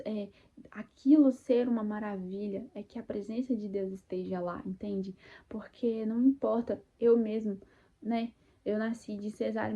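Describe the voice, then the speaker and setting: A young Brazilian woman shares a personal story straight to her viewers in a very mellow, dark-toned voice. She talks casually and with feeling, full of faith, acting out the moments she lived. The sound is a little dull and lo-fi. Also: mid-range voice. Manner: emotional, reenacts her own cries and quotes; faith-filled, addresses viewers as "gente". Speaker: vlogger sharing birth story.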